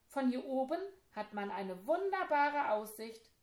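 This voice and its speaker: Woman doing bright cheerful number Ten. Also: high voice, big pitch swings, unhurried, echoey room, voice pushed up. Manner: cheerful, calling out. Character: friendly welcoming female number living in a tower.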